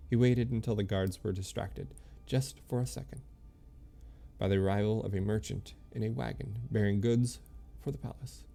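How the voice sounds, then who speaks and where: A man with a low, gravelly voice reads game lore aloud on a stream. His tone is mellow and dark. He stumbles over the words and corrects himself as he goes. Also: fairly even intonation. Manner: halting reading with stumbles and self-corrections.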